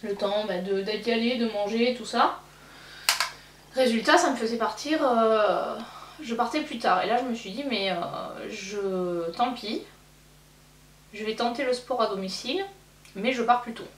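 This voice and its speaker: Her voice is on the high side and she speaks at a measured pace. She's a beauty vlogger in her thirties doing her makeup and chatting in a rambling, filler-heavy get-ready-with-me style, captured in an echoey room by a distant mic with a faint hum.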